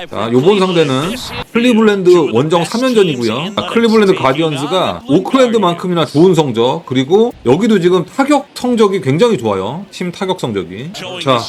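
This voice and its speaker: A Korean man streaming a baseball video game, giving casual play-by-play commentary with sudden excited exclamations. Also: fairly high pitch. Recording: game music playing behind.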